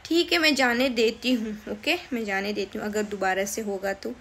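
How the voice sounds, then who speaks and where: A woman's voice: mid-range voice, steady tone, moderate pace, fairly bright tone. A young woman, talking to her camera in a hesitant, upset way, many fillers and restarts. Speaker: vlogger. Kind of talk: casual vlog talk to camera.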